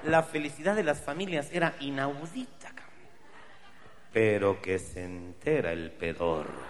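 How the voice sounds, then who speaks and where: Profane Mexican stand-up comedian. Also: male voice, medium pitch, a little slow, in a large hall, background noise. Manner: profane, wry. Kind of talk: stand-up storytelling.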